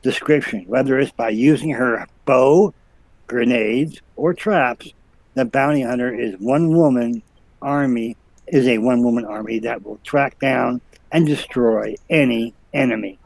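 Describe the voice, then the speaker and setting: A man's voice: mid-range voice, unhurried, gravelly, dry recording, poor audio. A man co-hosting a live show, reading game item stats aloud in a methodical, list-like way.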